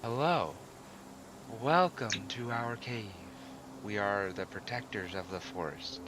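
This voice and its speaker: Guy putting on a calm ghostly she-wolf, dreamy faraway voice, slow and unhurried, faint hiss behind. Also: lowish voice. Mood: serene. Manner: soft, dreamy, distant ethereal voice. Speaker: game master.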